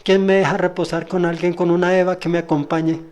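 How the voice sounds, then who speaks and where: A man's voice: little pitch movement, brisk, darkish tone, lightly acted. A man voicing a panicky young woman who cries out frantically. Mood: distressed. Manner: shrill, frantic.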